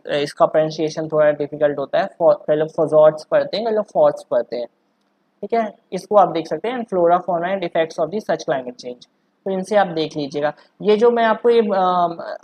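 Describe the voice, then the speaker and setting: A woman teaching exam preparation in a casual way, often checking in with "okay?" and pausing on fillers. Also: fairly low pitch, a little mellow. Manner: explains in a chatty way, often asks "ठीक है" and "है ना"; hesitant, with many fillers and restarts. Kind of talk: casual Hindi-English lesson.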